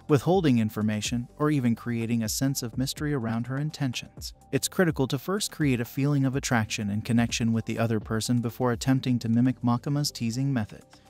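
A man narrating a scripted video in a voice of middle pitch, smooth and even, with no slips or filler words. Soft music plays faintly underneath his voice throughout. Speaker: channel narrator.

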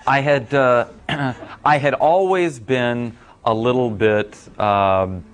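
A middle-aged man telling a casual story at a talk, rambling with many fillers and getting animated when he quotes others. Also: medium pitch, slow pace. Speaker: speaker at a talk.

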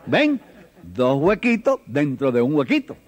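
A man's voice: a little high, wildly swooping pitch, a little slow, some chatter behind, pitched above the performer's own voice, exaggerated voice. A man voicing an adult female schoolteacher who talks in a patient, sing-song way to children. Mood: sing-song teaching. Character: sweet schoolteacher, adult woman.

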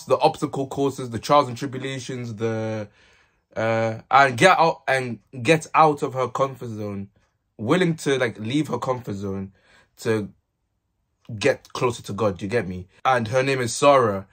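Young man with urban roadman slang. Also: mid-range voice. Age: young adult. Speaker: vlogger. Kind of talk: casual chat to camera. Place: small plain bedroom, indoors. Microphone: handheld earphone-wire mic.

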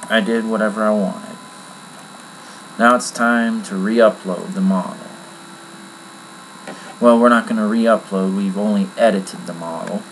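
A man giving a casual, rambling screen-recorded software tutorial from his computer at home, with many fillers. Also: on the low side, steady tone, unhurried, long pauses, slight background noise, rough recording. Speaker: tutorial maker.

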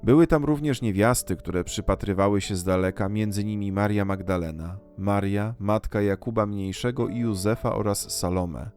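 Low-voiced man solemnly reading scripture. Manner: measured, unhurried, reverent delivery. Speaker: scripture reader. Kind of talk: solemn liturgical Gospel reading. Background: soft guitar music.

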